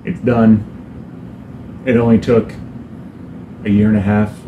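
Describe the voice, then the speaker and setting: A man's voice: on the low side, little pitch movement, slow, roomy sound, narrow, tinny audio, background noise. A man giving a casual band update, rambling with many fillers and a dry, self-mocking sarcasm. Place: indoors on a hot day. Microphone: no lapel mic, camera mic.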